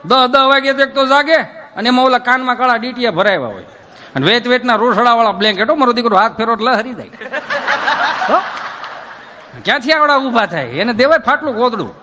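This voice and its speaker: A man's voice: very high-pitched, lively intonation, quick pace, sharp tone, slight background noise. A middle-aged man, a folk comedian telling stories and teasing and lecturing his listeners in a playful, preachy way. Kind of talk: comic dayro storytelling to an audience.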